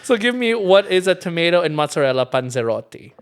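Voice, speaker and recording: A man's voice: high-pitched, sing-song, fast talker, clear, resonant tone. A man co-hosting a podcast in casual chat, quizzing his friend, laughing often and hunting for words. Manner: giggly, quizzing, loses words mid-sentence. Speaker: podcast co-host, quizmaster.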